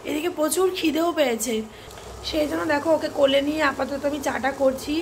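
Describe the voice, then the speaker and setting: A woman's voice: high-pitched, brisk, a little hiss or hum. A young woman, a new mother, chatting casually to viewers in a home vlog, talking directly to the camera. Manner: drops to a hushed voice while baby sleeps. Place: family home by a river.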